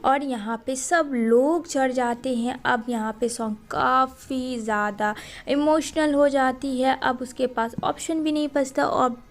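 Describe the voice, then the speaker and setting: A woman narrating a drama recap in a lively, conversational way. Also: high-pitched, measured pace.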